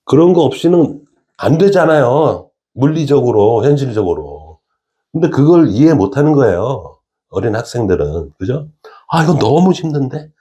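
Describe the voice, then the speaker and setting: Mellow-voiced man giving a chatty lecture. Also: mid-range voice, very animated, normal speed. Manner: keeps checking in with listeners, chuckles often. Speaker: spiritual lecturer. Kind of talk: casual spoken lecture.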